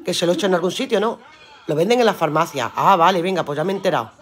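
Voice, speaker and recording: A woman's voice: fairly low pitch, animated, rapid-fire. Brief: woman, live-stream seller, chatty and earthy, swears casually, laughs a lot. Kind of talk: casual live-stream chat reading viewer comments aloud.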